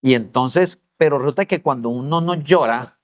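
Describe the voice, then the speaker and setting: A man's voice: mid-range voice, normal speed. A Colombian man teaching a church parenting class, explaining through a family story with acted quotes.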